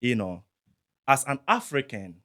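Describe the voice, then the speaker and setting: A man from Ghana, a parent and guest, explaining calmly with examples in a discussion. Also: mid-range voice, a little slow.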